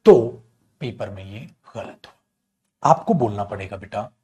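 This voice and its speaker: A man with a lowish voice teaches English grammar in an online class, lively and teasing. He coaxes students he calls "beta" and "chhutku," acts out their questions, and stretches key phrases slowly for emphasis.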